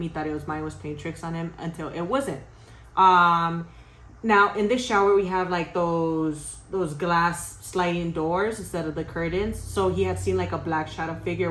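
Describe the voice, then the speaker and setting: A young woman vlogger casually telling a spooky story to her viewers, animated and swearing, often laughing. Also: fairly low pitch, reverberant.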